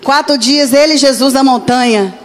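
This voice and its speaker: A Brazilian woman pastor preaching to a church, telling a personal testimony with animated storytelling and acted-out dialogue. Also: sits high, moderate pace. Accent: Brazilian Portuguese. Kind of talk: testimony sermon.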